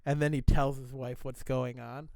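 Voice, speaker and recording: A man chatting on a podcast, retelling a show with lively acted-out quotes. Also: mid-range voice, moderate pace, no echo. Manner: animated storyteller, acts out quoted voices. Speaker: comedian guest. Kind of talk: casual podcast chat, retelling a story.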